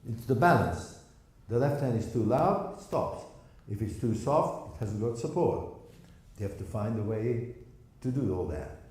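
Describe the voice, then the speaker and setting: A man's voice: on the low side, expressive, unhurried, a little mellow. A man teaching a piano masterclass, explaining with demonstrative, jokey remarks and singing phrases on syllables. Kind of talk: masterclass coaching. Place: recital hall. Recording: very echoey hall with faint piano.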